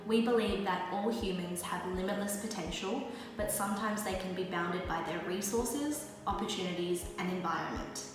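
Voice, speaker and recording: A young woman from Australia giving a scripted voice-over in an even, earnest read. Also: medium pitch, normal speed. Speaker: founder's daughter. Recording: long hall reverb with music.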